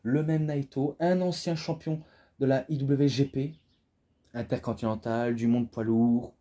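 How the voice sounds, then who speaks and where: A man's voice: mid-range voice, steady tone, measured pace, dark tone. A man giving a rambling, casual spoken review who gets carried away as he talks, with an imposing voice. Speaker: wrestling DVD reviewer.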